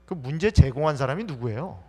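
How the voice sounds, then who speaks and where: A man's voice: medium pitch, lively intonation, fast talker, dark tone, breathy edge. A man pastor preaching a sermon, asking the congregation questions and answering them himself, acting out the people in the story. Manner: acts out quoted speech of the story's people. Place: church sanctuary. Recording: church hall reverb.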